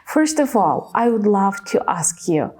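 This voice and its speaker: A woman's voice: medium pitch, sing-song, measured pace, darkish tone, breathy edge. A woman with an Armenian accent hosting a studio interview, speaking in a formal and enthusiastic way. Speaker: TV host.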